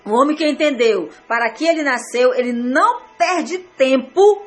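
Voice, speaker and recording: A woman's voice: high-pitched, animated, normal speed, faint music behind. A woman pastor with a Brazilian Portuguese accent, preaching a sermon earnestly, repeating phrases and calling her listeners beloved.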